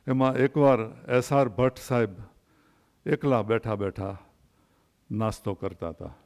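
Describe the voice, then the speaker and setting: A man in his sixties giving a literary lecture to an audience, telling anecdotes in a measured way with pauses. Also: medium pitch, a little mellow. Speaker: invited speaker at a literary event.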